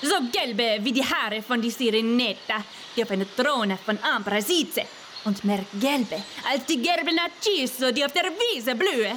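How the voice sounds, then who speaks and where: A woman voicing a flustered yellow rose bush with an Italian accent, hesitant and soft. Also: on the high side, lively intonation, measured pace, a little hiss or hum, voice pushed up.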